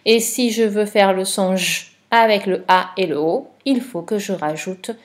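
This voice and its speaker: Female teacher, unhurried dictation voice, patient, clear spelling. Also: medium pitch. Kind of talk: slow dictation lesson for a child.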